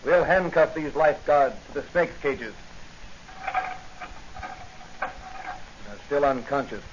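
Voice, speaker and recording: A man with a somewhat high voice speaks slowly, playing a bold, stern masked police hero in a 1940s radio drama. He sounds commanding and righteous, and the old recording is muffled and noisy.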